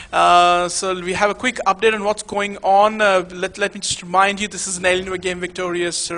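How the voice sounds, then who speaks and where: A man's voice: sits high, sharp tone, slight background noise. A man from India casting a live esports match, chatty and stop-start with many fillers. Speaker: esports caster.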